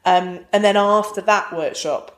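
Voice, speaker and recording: A woman who runs a theatre company, explaining her work in a brisk, practical way in casual interview talk. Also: mid-range voice, echoey room, poor audio.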